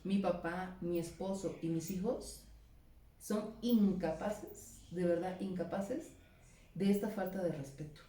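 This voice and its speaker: Woman, school principal, animated storytelling, warm mellow voice, roomy echo, a bit off-mic. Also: mid-range voice, distant mic. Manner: animated storytelling, acting out quoted exchanges. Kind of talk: recounting a personal anecdote.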